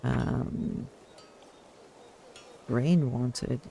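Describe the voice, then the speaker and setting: Slow, creaky-voiced man musing over a game. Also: medium pitch, fairly even intonation, mellow, a little hiss or hum. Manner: musing, hesitant, thinking aloud. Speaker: player narrating a video game. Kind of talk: casual game playthrough commentary, reading in-game text aloud.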